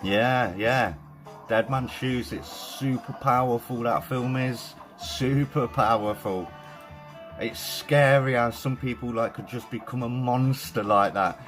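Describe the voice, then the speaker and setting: Brief: British man, live-stream host, chatty and excitable, casual swearing, faint music behind. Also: medium pitch, slow.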